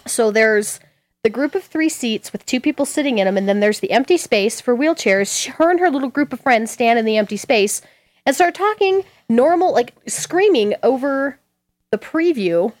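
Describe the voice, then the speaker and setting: A woman's voice: on the high side, animated, normal speed, no echo. Woman, storyteller, quotes people in a raised voice, dry close mic. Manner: acts out other people's lines in a raised voice. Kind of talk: animated storytelling.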